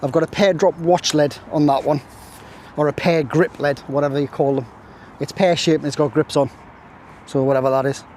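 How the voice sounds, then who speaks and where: A chatty man talks to camera as he fishes on a breezy riverbank, his voice sitting a little high for a man. He rambles easily with jokey, self-mocking asides, and a faint hum of town and traffic sits behind him outdoors. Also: fairly even intonation, a little fast, a little mellow. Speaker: angling vlogger. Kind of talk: casual chat to camera while fishing. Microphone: camera on a stand, at times stepping away.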